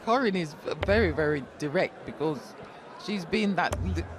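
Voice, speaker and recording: A woman's voice: on the low side, lively intonation, moderate pace. A woman co-commentating on live darts as a pundit, in a chatty style. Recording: crowd and clear background noise.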